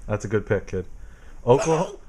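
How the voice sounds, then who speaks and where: A man's voice: fairly low pitch, animated, normal speed, warm tone, breathy edge. A man casually quizzing his young daughter at home, asking questions patiently and teasing her. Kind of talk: casual home video chat.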